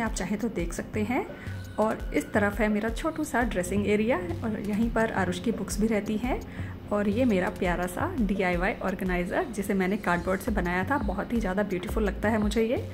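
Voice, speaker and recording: A woman in her thirties giving a gentle, step-by-step voice-over of her home and packing. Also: medium pitch. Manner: gentle, homely, explaining step by step. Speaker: home vlogger. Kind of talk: voice-over narration of a house tour. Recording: clear music bed behind the voice.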